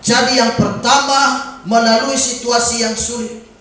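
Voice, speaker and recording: A man preaching a sermon in a church, breaking into sudden shouted calls and exclamations. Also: extremely high pitch, steady tone, a little slow. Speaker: pastor. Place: church during a Wednesday evening service. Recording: very echoey church hall.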